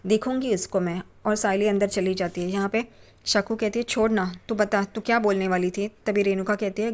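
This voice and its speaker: A woman casually retelling a TV serial episode, briefly voicing each character's lines. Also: medium pitch. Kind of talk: casual storytelling recap.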